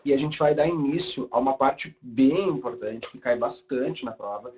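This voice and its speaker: A man's voice: mid-range voice, normal speed, darkish tone, dull audio, a little hiss or hum. A young adult man, teaching a live online class in a casual, chatty way with light swearing. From Brazil.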